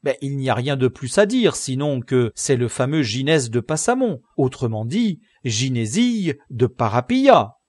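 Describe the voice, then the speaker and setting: A man reading a classic novel aloud as an audiobook, in an expressive storytelling manner. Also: medium pitch, moderate pace, hardly any pauses, no room sound. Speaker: audiobook reader.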